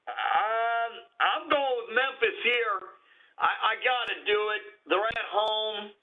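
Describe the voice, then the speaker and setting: A man's voice: high-pitched, takes it slowly. A man hosting a casual sports talk show, making picks in a folksy, rambling way with lots of laughs. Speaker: sports radio host. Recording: phone-line audio.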